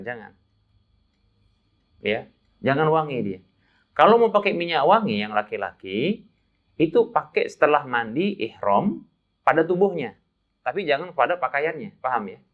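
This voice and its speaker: A man of middle pitch leads a religious lesson for pilgrims in a lively, chatty way. His voice rises and falls freely as he chuckles through his anecdotes. The recording is somewhat dull and lo-fi. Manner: lively, chatty, laughs at his own stories. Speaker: umrah guide teaching pilgrims. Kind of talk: religious instruction talk. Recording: dull lo-fi sound.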